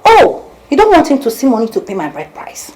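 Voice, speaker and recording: An actress plays a domineering, sharp-tongued, self-serving girlfriend in a film drama, scolding theatrically with rhetorical questions. Her voice is fairly high, a little fast, and swings hugely in pitch.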